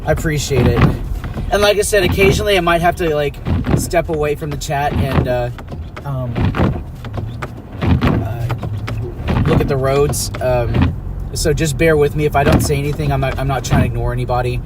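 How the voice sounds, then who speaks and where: Livestreamer talking over loud car noise, distant mic. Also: mid-range voice, steady tone. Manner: halting, repetitive, appreciative of viewers. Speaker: livestream storm chaser and host. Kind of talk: casual livestream chat while driving. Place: inside a moving car on icy roads. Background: vehicle noise, clunky windshield wipers.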